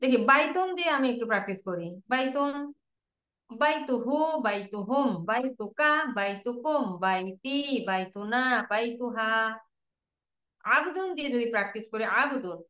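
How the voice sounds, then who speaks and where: A woman's voice: on the high side, animated, a bit bright. Woman drilling Arabic in an echoey room. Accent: Bangladeshi Bengali. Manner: drills word forms, repeating slowly. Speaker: Quranic Arabic teacher. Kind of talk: online language lesson.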